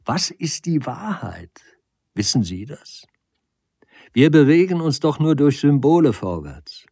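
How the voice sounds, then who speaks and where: A man's voice: fairly high pitch, very animated, unhurried, a little mellow, breathy edge, no room sound, clean studio sound, voice pushed up, exaggerated voice. A man reading the lines of an intense young man who argues with fervent conviction in a storybook. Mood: musing. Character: intense young man, earnest wandering philosopher.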